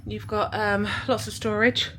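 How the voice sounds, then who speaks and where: With a mid-range, fairly bright voice that barely moves in pitch, a British woman speaks unhurriedly while vlogging on a cruise ship. Her casual travel chat rambles along with plenty of fillers, and music plays clearly in the background.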